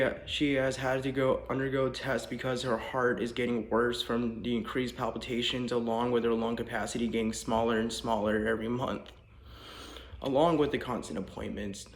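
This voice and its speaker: A young student at an ordinary middle pitch reads a prepared speech in an earnest, apologetic way. He is recording in a house with the walls torn out. The bare rooms give his voice a strong echo. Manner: earnest, apologetic, reading from a script. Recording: echoey bare room.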